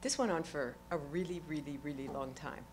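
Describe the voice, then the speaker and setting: A middle-aged woman talking onstage at a live event, exuberant and profane, swinging from quiet remarks to loud exclamations and laughing often. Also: low-pitched, brisk, slight background noise. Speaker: award honoree speaking onstage. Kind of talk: lively onstage conversation with profanity.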